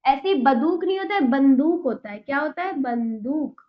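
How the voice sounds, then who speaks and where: A woman teacher giving a children's Hindi lesson, reading in a slow, sing-song way and asking the class prompting questions. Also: sits high, lively intonation, dull audio.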